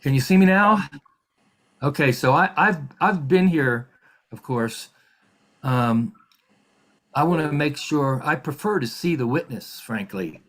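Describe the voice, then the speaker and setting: This is a man acting as a hearing examiner, speaking over a video call. He moves through the proceedings carefully and politely. He often pauses on fillers and restarts his sentences. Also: fairly high pitch, lively intonation. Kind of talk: formal virtual hearing proceedings.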